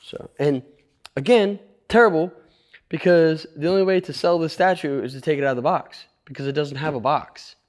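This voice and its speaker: A middle-aged man who runs a toy store, chatting casually and joking, his voice dropping low and quiet when he explains things. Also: normal speed. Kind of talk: casual chat.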